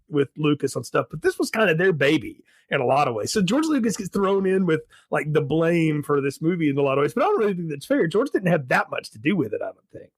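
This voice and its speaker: Man, high voice, dry close sound, rambling film chat, laughs a lot. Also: no echo. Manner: rambling, laughs often, animated. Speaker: podcast co-host. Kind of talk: casual film review chat.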